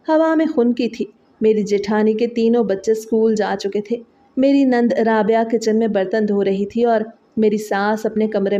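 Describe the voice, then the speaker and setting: A woman's voice: medium pitch, dark tone, highs cut off. A woman narrating a dramatic first-person story in an earnest, emotional way.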